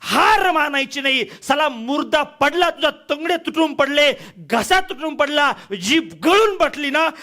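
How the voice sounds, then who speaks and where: A man delivers a fiery motivational speech in a high-pitched voice. He swings between quiet, heavy passages and shouted, repeated rallying cries. He sounds middle-aged. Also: animated, a little slow, hardly any pauses. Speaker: motivational speaker. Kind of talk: emotional motivational speech to an audience.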